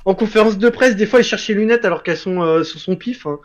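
A man with a slightly high voice trading football banter with friends. He swears freely and taunts rival fans in a mocking, crude way. His talk is loose and offhand. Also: fast, highs cut off, very noisy. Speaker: co-host of a football show.

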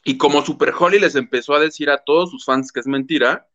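A man hosting a gossip show talks fast in a fairly high, a bit bright voice, with the highs cut off. He tells the story animatedly in casual gossip commentary, acting out the quotes.

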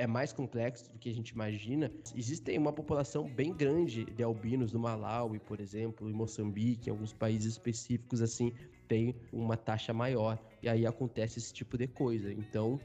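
Man, podcast co-host, dark warm tone, reflective, fillers. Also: medium pitch. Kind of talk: casual discussion.

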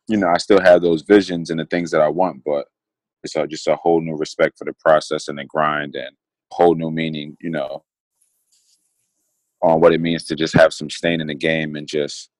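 A man in his twenties co-hosts a casual podcast, speaking earnestly and reflectively and looping back over his own phrases as he thinks out loud. His voice is very low and deep, recorded close and dry with no room sound.

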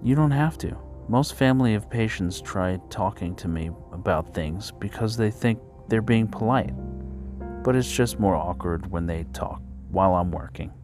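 A man's voice: on the low side, animated, moderate pace. A man voicing a young female nurse who speaks bluntly and frankly, with a dry edge, over faint background music. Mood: matter-of-fact.

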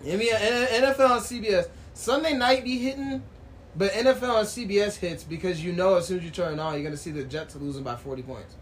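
A man co-hosting a casual sports podcast, teasing and laughing, with loud bursts of excitement. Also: high-pitched, quick pace, a little hiss or hum. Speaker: podcast co-host.

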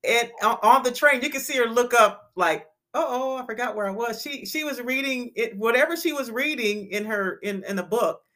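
A woman's voice: a little high, moderate pace, hardly any pauses, fairly bright tone. A woman hosting a casual chat, talking in a chatty way with frequent restarts. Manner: chatty, repeats and restarts words. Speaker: host.

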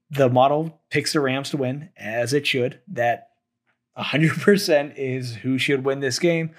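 A young man hosting a solo sports betting podcast, thinking aloud with fillers and restarts, his voice worn from talking. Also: mid-range voice. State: losing his voice.

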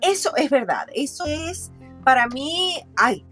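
A woman's voice: sits high, very animated, takes it slowly, a bit bright, soft background music. A woman from Venezuela hosting an interview in a casual, chatty and affirming way. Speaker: interview host.

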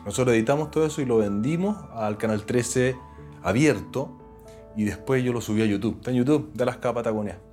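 A man with a Chilean accent, an actor and presenter, telling his story as an interview guest in an earnest, animated way. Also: medium pitch, fast talker, faint music behind. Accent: Chilean Spanish. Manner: earnest, animated, voices other people when retelling. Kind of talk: reflective conversational storytelling.

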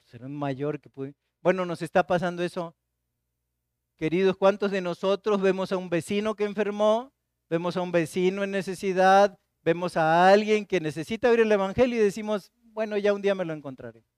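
A man's voice: high-pitched, a little fast, clear, resonant tone, no room sound, clean studio sound. A middle-aged Mexican man preaching a conversational sermon, telling anecdotes and acting out the people in them, often asking a rhetorical "¿no?". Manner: animated storyteller who acts out voices in anecdotes, frequent rhetorical "¿no?". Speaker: pastor.

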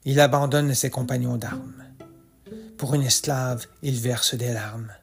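A man narrating a rhymed epic tale in a slow, measured, rhythmic way. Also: medium pitch, steady tone, gravelly. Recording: soft music underneath.

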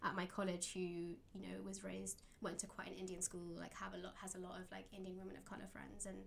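A woman's voice: mid-range voice, level tone, a little fast, gravelly, a little hiss or hum. A young woman in casual conversation as a guest, reflective and full of "like" and "um". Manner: reflective, many fillers like "like" and "um".

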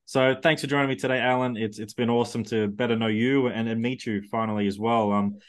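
A man's voice: medium pitch, steady tone, quick pace. A man speaking casually as a podcast host in an interview chat.

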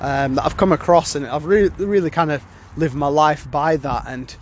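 A podcast host with a fairly high voice speaks at a moderate pace on a casual solo show. He sounds congested from a cold and rambles, full of fillers and restarts, over a slight hiss or hum.

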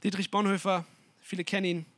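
A man preaching a sermon, speaking emphatically with strong swings in loudness and putting questions straight to his listeners. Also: high voice, flat delivery, fast talker, no room sound. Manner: addresses listeners directly with questions.

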